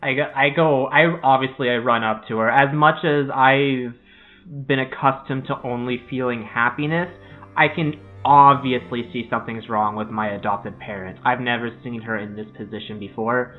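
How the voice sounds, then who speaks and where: A man's voice: mid-range voice, fairly even intonation, normal speed. A man plays a tabletop game, rambling as he describes his character's actions. The audio is narrow and phone-like, with faint music behind him. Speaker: player.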